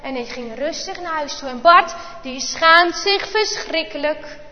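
Woman reading a kids bible story out loud, really high voice, long echo, kinda muffled. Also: unhurried. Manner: lively storytelling, voices the characters, asks the children questions. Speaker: storyteller for children. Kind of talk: Bible-class children's story narration.

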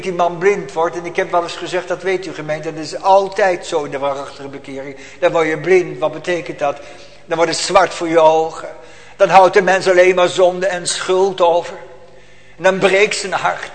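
A man preaching a solemn, emphatic sermon to his congregation in a church. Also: high-pitched. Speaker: pastor. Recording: long church hall reverb.

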